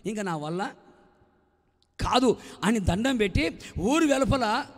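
A male pastor delivers a storytelling sermon, animated and often rising to fervent shouts. His voice sits high for a man. A long hall reverb hangs on every phrase. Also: slow. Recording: echoey live hall reverb.

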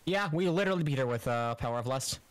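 A man's voice: medium pitch, animated, fast, no room sound. A man co-streaming a game, chatting casually and fixing audio settings. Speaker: streamer, co-host.

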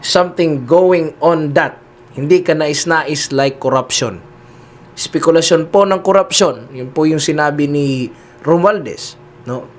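A man's voice: fairly high pitch, measured pace. A man hosting political commentary, talking to his listeners directly and tagging his sentences with "no?" and "di ba?". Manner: keeps addressing listeners, heavy "no?" and "di ba?" tags.

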